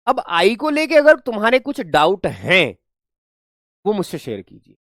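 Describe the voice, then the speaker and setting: A man's voice: sits high, huge pitch swings, a little slow, fairly bright tone, no room sound, studio quality. A man teaching English grammar in a live online class, explaining through playful rustic storytelling.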